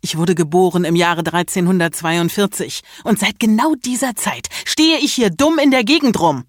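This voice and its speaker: A woman playing a bored, immortal fantasy warrior in a comic video game, with deadpan, mock-formal delivery. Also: fairly low pitch, moderate pace, no echo, clean studio sound, natural voice.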